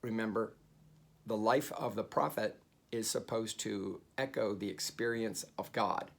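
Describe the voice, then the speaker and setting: A man's voice: lowish voice, fairly even intonation, a little slow, vocal fry, a bit bright. A man leading a Bible study, teaching conversationally with many fillers and restarts and explaining Hebrew words.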